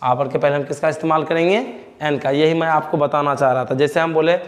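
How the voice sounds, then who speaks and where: A man's voice: a little high, steady tone, brisk, big-room sound. Bihari-accented male teacher quizzing his class. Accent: Bihari Hindi. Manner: asks the class questions and answers them himself, repeats key words. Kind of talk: classroom grammar lesson.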